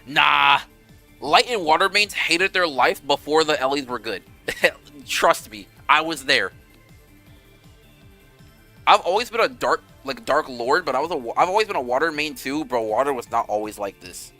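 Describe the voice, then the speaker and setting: A young man chatting casually with his viewers on a game stream, animated and rambling, swearing freely. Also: fairly high pitch, normal speed, soft background music.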